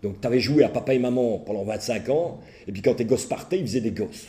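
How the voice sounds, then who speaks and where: A man's voice: medium pitch, fairly quick. A middle-aged man, a therapist, giving a humorous lecture and telling stories while mimicking the people in them. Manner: lively storytelling, mimics characters' voices. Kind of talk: humorous lecture with acted anecdotes.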